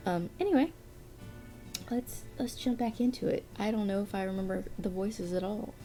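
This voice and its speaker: A young adult woman streams a game with casual let's play commentary, rambling, laughing often and restarting her words. She sounds a bit sniffly from allergies. Her mid-range voice is warm and moderately paced, with faint music behind her.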